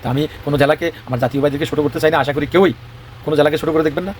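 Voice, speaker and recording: A man with a Comilla Bengali accent delivers a heated, combative monologue at a blistering pace. His voice sits somewhat high, and he keeps posing questions and answering them himself. A faint hiss runs under the recording. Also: fairly even intonation, racing. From Bangladesh. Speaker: regional advocate. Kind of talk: impassioned monologue.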